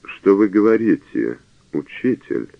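A man's voice: unhurried, dry recording, exaggerated voice. Cornered young priest, as a man reads him. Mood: cold. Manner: low, feigned calm, snapping back. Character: young male priest, cornered, cold and scheming. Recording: narrow phone-like radio sound.

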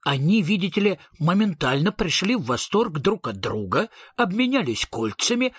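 A man's voice: sits high, sing-song, moderate pace, fairly bright tone, slightly rough, no echo, heavily acted. A man voicing a nervous, pompous fairy-tale king who speaks of himself as "we". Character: fussy nervous king, pompous and high-strung.

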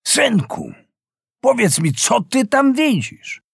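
A man voicing an old fisherman, a loving father who calls out loudly in a raised voice to his son. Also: very high voice, very animated, slow pace, gravelly, slightly rough, dry recording, clean studio sound, voice pushed up, exaggerated voice. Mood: alarmed. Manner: raised, urgent calling.

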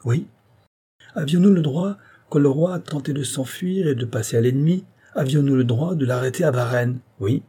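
A man's voice: mid-range voice, moderate pace, mellow, slightly rough, pitched above the performer's own voice, natural voice. A man voicing a blunt, vehement revolutionary countryman who argues with rising insistence, pressing question after question. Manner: heated, insistent, hammering rhetorical questions.

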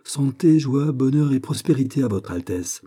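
A man's voice: medium pitch, animated, moderate pace, dark tone, husky, pitched above the performer's own voice. Man reading as a flustered young courtier. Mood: pleading deferential. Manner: pleading, deferential.

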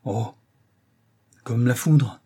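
A frightened old valet frets over his stricken master in a husky, raised voice. A man acts him out in a storybook reading, the tone mellow and soft-edged. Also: mid-range voice, very slow. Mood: distressed. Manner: agitated, fretful telling. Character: old distressed male servant of a duke.

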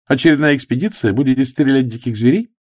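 A man voicing a cheerful, sharp-tongued young woman who teases with sarcasm. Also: medium pitch, lively intonation, quick pace, no room sound, studio quality, pitched above the performer's own voice, lightly acted. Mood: eager. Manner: teasing, sarcastic.

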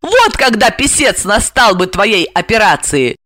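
A woman voicing a fiery young housewife heroine in an audiobook, loud, sarcastic and high-pitched. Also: sing-song, moderate pace, no echo, full character voice. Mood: indignant, mocking. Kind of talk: audiobook character voice.

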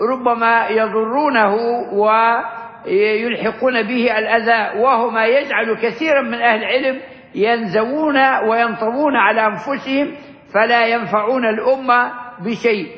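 A man teaching as a sheikh, explaining a classical religious text in a measured lesson that stops to gloss words. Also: very high-pitched. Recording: echoey hall, dull lo-fi sound.

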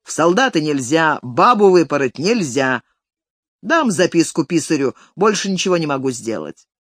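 A reader voicing a stern, impatient male estate manager who scolds curtly in a lowered voice. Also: big pitch swings, moderate pace, fairly bright tone, dry recording, clean studio sound. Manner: curt, severe scolding. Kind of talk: audiobook character reading.

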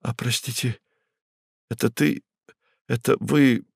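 A man voicing a weary, gentle male writer who speaks softly and hesitantly. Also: mid-range voice, steady tone, slow pace, vocal fry, husky, dry recording, studio quality, heavily acted. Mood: hushed. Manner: soft, hushed, hesitant.

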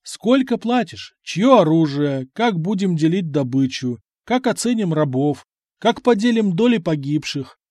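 A man's voice: a little high, normal speed, no echo, studio quality, close to an everyday voice. A man reading as Samo, a blunt young warlord. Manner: blunt, haggling, calm. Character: brash shrewd young male warlord.

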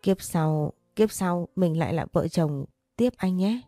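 A woman voicing an older widowed mother speaking gently through tears to her late husband in an audio story. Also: lowish voice, measured pace, no room sound, soft background music. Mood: tearful. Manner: gentle, sobbing.

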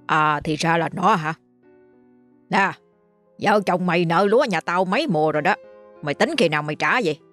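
A gruff, scornful landlord who barks orders at his tenants, as a woman puts him on. His voice sits low and drops quieter and heavier than the narration, with faint music behind. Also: expressive, brisk, long pauses. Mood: scolding. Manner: blunt, scolding, talks down to others. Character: rich stern middle-aged male landlord, gruff and scornful.

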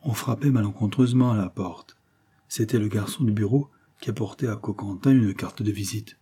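A man narrating an audiobook of a classic novel in a steady literary manner. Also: fairly low pitch, moderate pace, breathy edge. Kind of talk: audiobook reading.

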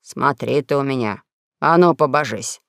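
A woman growling as a gruff old swindler king. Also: extremely low pitch, moderate pace, a bit bright, no room sound, studio quality, voice pushed down, exaggerated voice. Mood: suspicious. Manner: menacing, growling. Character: gruff scheming old male con man king.

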